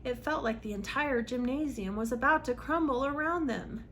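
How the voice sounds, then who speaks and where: A high-voiced woman hosts a children's read-aloud at a moderate pace, giving the story a dramatic reading with emphasis on exciting moments. Slight hiss or hum sits under the recording.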